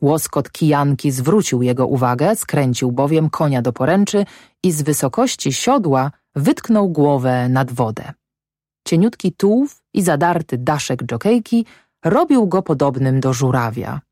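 A woman reads a classic novel aloud in a low voice for her sex, with a lively, highly varied intonation. The recording is dry and close, with no room sound. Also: unhurried, no echo. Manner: expressive storytelling. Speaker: audiobook narrator. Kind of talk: scripted narration of a classic novel.

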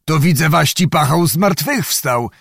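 A man's voice: a little high, animated, unhurried, gravelly, fairly bright tone, husky, no room sound, studio quality, pitched above the performer's own voice, full character voice. A man voicing a jovial, blustering old nobleman in an audiobook reading, bantering and mock-solemn.

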